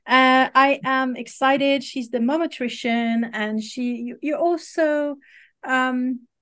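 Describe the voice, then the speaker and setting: A woman's voice: high voice, steady tone, slow, fairly bright tone, clear, resonant tone. A woman hosting a spirituality podcast, welcoming listeners and introducing her guest with some restarts. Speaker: podcast host. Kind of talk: podcast interview.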